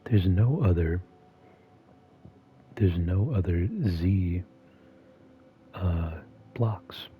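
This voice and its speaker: Soft-spoken deep-voiced man, half whispered. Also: very slow, pauses often, slightly rough, phone-quality sound. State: slightly strained voice. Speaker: video host. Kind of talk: soft-spoken ASMR-style commentary.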